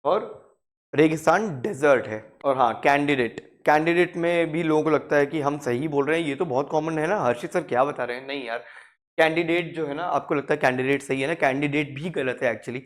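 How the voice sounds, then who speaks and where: A young man with an Indian accent leads a casual pronunciation lesson in a slightly high voice. He drills each word several times over and drops to a slow, careful pace whenever he models an English phrase. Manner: repeats words in drills, slows down sharply for English phrases.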